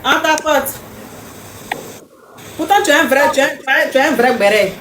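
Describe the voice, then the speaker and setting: A woman's voice: high voice, moderate pace, echoey room, noisy background. A woman hosting a live stream, chatting casually and teasingly with viewers, repeating herself often. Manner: repetitive, teasing, talks straight to commenters.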